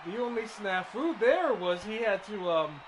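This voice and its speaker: A man's voice: high voice, animated, a little slow. A man giving comedic color commentary on a wrestling match with dry, absurd one-liners. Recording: noisy background.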